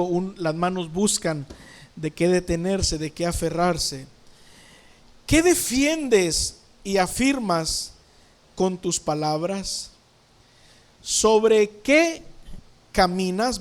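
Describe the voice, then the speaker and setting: A male pastor, preaching a sermon in church, asking the congregation questions and acting out scenes with sound words. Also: high voice.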